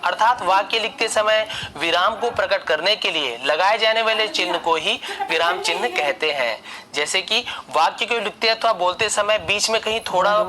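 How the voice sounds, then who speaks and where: Young guy explaining grammar slowly, bright voice, keeps repeating the examples. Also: high-pitched. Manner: patient, repeats example sentences aloud. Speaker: teacher.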